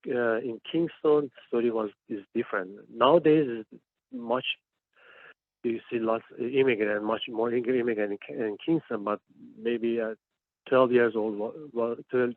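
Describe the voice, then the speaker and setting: Joining a panel discussion by phone, this Iranian PhD student in his forties talks a little slowly at medium pitch. The tinny, dry line carries his frequent hesitations and restarts.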